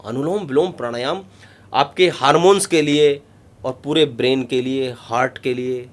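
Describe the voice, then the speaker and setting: A man's voice: medium pitch, normal speed. A man, a yoga guru, explaining breathing exercises step by step in an interview, emphatic and repetitive. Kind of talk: instructive interview talk.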